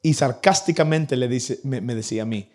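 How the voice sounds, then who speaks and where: A young man preaching a sermon to his church, animated and acting out the people in his stories. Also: mid-range voice, moderate pace. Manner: animated, acts out nagging parents in a raised voice. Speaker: pastor. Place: church in Vancouver.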